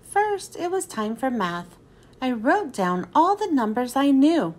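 A woman reads a children's picture book aloud with expressive storytelling, then thanks her listeners. Her voice sits high and her pace is a little slow.

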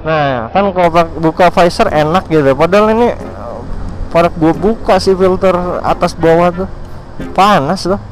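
A young motorcycle vlogger jokes and chats with himself in city traffic, using slang and teasing other riders. His voice sits high at a moderate pace, captured in a rough recording.

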